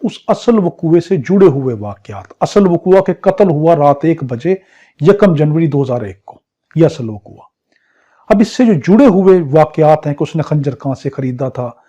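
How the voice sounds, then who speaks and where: A law teacher with a Pakistani accent lectures in an exam crash course, his voice fairly high-pitched, husky and dark in tone. He hammers points home through repetition and rhetorical questions, heard through dull, muffled lo-fi audio.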